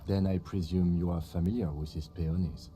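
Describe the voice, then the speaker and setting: An actor playing a calm, stern police lieutenant in a video game, speaking in a measured, dry way that carries menace. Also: male voice, deep voice, soft background music, close to an everyday voice. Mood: cold menace. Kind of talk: dramatic video game dialogue.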